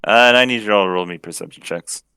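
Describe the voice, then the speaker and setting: Young male game master, casual narrator, low voice, clear and dry. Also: fast, pushed and bright, dry recording. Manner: casual, loose, filler-heavy narration.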